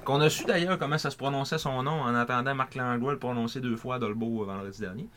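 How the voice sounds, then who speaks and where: A man's voice: medium pitch, quick pace, a bit bright. A man with a Quebec French accent talking casually as a podcast co-host. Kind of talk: casual chat.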